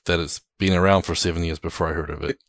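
A man hosting a tech podcast, leading segments in a relaxed, upbeat casual chat. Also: sits low, fast, no echo. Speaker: podcast host.

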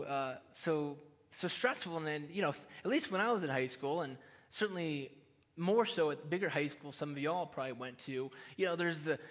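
A man's voice: on the high side, a bit bright. A man preaching a sermon, telling a personal story with light humor and talking directly to the audience. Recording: reverberant hall.

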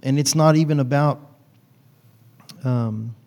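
A man's voice: mid-range voice, slow, darkish tone. Folksy man preaching casually. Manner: folksy, teasing the congregation by name. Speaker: pastor. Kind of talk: conversational sermon. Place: church.

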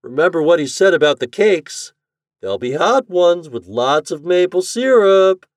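A man playing a boisterous, teasing boy from a storybook, loud and pitched well above a grown man's voice. He bargains and gloats, and his voice climbs and dips with lively swings. The sound is close and dry. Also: moderate pace, dry recording. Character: teasing boy, playful and stubborn.

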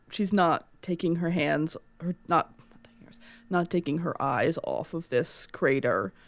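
A woman playing a tabletop role-play game, describing her character in a slow, halting way with many restarts. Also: low voice, vocal fry, no room sound. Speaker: player.

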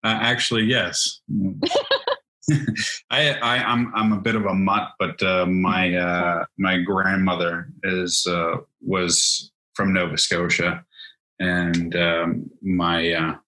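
Deep, bright-toned man rambling in an interview. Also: little pitch movement, slow pace, rough recording. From New Hampshire, USA. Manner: rambling, many fillers and restarts. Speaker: guest, Army veteran. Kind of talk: casual interview chat.

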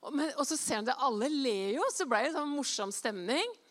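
A woman preacher delivers a sermon in a large hall, telling an anecdote and reading scripture aloud. She tells it in a lively storytelling manner, acting out quoted voices in a high-pitched voice.

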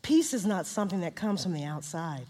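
Animated woman preaching in a reverberant hall. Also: fairly quick, background noise. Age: older. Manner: animated preaching, swinging from low to shouted highs. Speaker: guest speaker, minister. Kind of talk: sermon.

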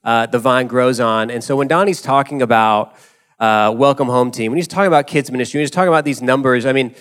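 A man's voice: mid-range voice, fast talker, fairly bright tone, clean tone. A man leading a church service, addressing the congregation in an informal, conversational and encouraging way. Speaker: church leader hosting the service.

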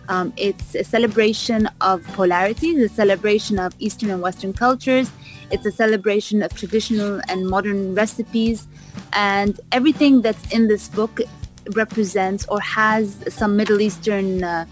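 A woman raised in Canada answering radio interview questions about her cookbook, talking in an enthusiastic way with frequent "um"s and restarts. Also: mid-range voice. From raised in Vancouver, Canada. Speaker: cookbook author, interview guest.

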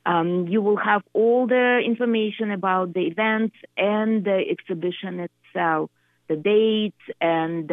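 A woman in her fifties from Russia with a Russian accent, a guest speaking haltingly with many pauses and fillers. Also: on the low side, creaky, no room sound. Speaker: art gallery coordinator, guest. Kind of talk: radio interview by phone. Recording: tinny phone line.

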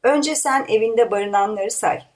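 A woman's voice: a little high, a little slow, natural voice. A woman reading a play, voicing a stern old male village sage who counts curtly and gives orders. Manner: curt, commanding counting.

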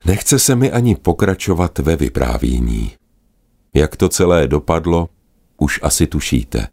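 A man narrating a children's animal story in a gentle, expressive manner. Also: very deep voice, creaky.

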